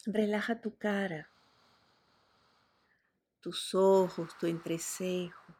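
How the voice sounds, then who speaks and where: Slow, breathy woman guiding meditation. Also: lowish voice, steady tone. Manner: slow, soft and soothing, with breathy whispered cues. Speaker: meditation guide. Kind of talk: guided relaxation meditation.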